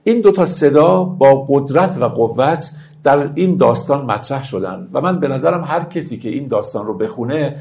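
A man giving a lecture on classical verse, reciting lines slowly and then explaining them in a conversational tone. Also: mid-range voice, animated, a little mellow. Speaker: teacher of classical poetry.

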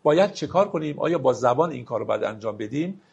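A man teaching classical poetry, reciting verses slowly and explaining them plainly, sometimes asking his listeners questions. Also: medium pitch, lively intonation, vocal fry, darkish tone, husky, lo-fi sound.

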